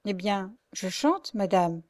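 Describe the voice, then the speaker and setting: A woman voicing a meek, mistreated blind young woman who pleads softly and slowly through tears. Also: mid-range voice, dry recording, clean studio sound, close to an everyday voice. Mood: tearful. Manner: soft, slow pleading. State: sobbing, tearful. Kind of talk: audiobook character reading.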